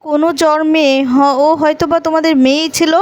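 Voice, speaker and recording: A woman's voice: high-pitched, level tone, fast talker, a little mellow, dull audio, natural voice. A woman reading out the lines of a stern father who scolds his sons indignantly. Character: stern angry father of the family.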